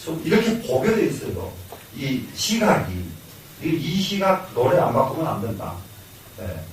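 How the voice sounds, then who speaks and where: An older monk with a Jeolla Korean accent lectures in a lively, rising and falling voice. His voice reaches the mic from across a large hall with heavy echo, and a faint room noise hangs behind it. He drives points home by repeating them and answering his own questions. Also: fairly high pitch, unhurried. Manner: explains by repeating lines, asks and answers himself, chuckles. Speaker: Buddhist monk lecturing on classics. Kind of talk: classroom lecture. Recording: echoey hall, mic from far off.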